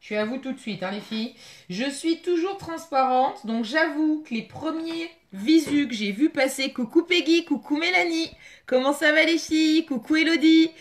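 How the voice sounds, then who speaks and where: Female live streamer, fairly high voice, excitable and chatty, keeps greeting viewers by name. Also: moderate pace.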